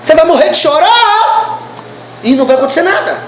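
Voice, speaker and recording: A woman preaching a sermon at a church service, animated and asking the congregation questions. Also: very high-pitched, fairly quick, echoey room, slight background noise, low-quality recording.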